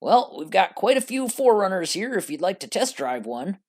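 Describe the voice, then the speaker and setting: A narrator voicing a brash, confident male car sales manager with a loud, cocky delivery. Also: mid-range voice, very animated, moderate pace, voice pushed up. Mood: dismissive.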